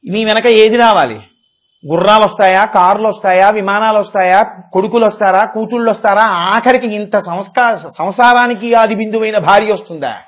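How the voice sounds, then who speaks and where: A man giving a devotional discourse, chanting verses slowly and explaining them with fervent rhetorical questions. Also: high voice, a bit bright. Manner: rhetorical questions and emphatic repetition. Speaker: religious discourse speaker.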